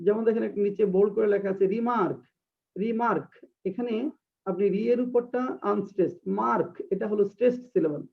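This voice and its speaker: Gravelly, high-voiced man teaching. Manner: hesitant, frequent filler sounds, slowly dictates and repeats definitions. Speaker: English literature teacher. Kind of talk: online exam-prep lecture. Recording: distant, tinny phone-like sound.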